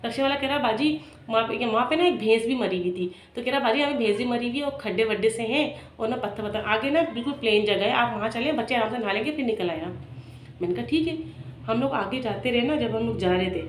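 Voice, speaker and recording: A woman, telling a personal story in a vlog in an emotional, halting way. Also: a little high. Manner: emotional, halting retelling with many restarts. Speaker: vlogger. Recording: echoey room with faint noise.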